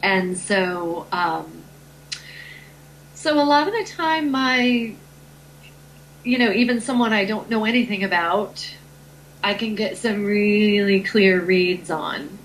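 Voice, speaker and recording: Slow, hesitant woman healer guest. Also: medium pitch, a little hiss or hum, poor audio. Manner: hesitant, lots of ums and restarts. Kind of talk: conversational interview.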